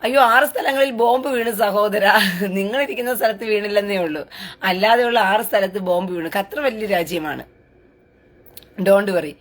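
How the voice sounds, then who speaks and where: A woman's voice: mid-range voice, moderate pace. A woman hosting a live-stream commentary. She reads out viewer comments and answers them in a taunting, sarcastic, crude way.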